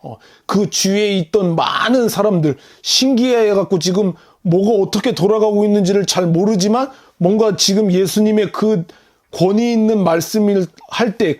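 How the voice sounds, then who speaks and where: A man's voice: sits high, darkish tone. A male pastor preaching a sermon, explaining scripture verse by verse and putting rhetorical questions to his listeners. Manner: leads the congregation in reading scripture aloud.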